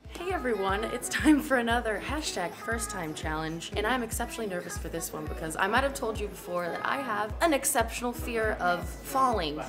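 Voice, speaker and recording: Excitable young woman vlogging over music. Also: mid-range voice, a little fast, few pauses. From Finland. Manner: excitable, nervously chatty. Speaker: host of a challenge vlog. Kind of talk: casual presenting to camera. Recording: music behind the voice.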